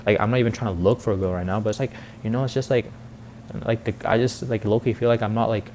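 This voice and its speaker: In a lowish, darkish voice with a steady tone and quick pace, this eighteen-year-old vlogger and content creator rambles through a confessional monologue. It's casual and full of fillers and heavy youth slang, with "like" and "bro" coming up often. There's a little hiss or hum.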